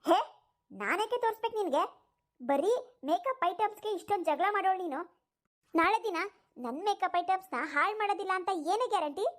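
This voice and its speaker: A woman's voice: very high voice, lively intonation, brisk, pauses often. A woman voicing a proud, defensive elder daughter-in-law in a cartoon. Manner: defensive, retorting. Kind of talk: cartoon voice acting.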